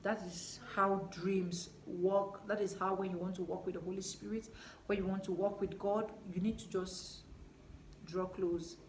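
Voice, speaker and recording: A woman's voice: mid-range voice, little pitch movement, measured pace, darkish tone, a little hiss or hum. A young woman telling a storytime vlog with faith testimony, earnest and rambling, often repeating herself. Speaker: vlogger. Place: at home. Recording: roomy home recording, faint ambience.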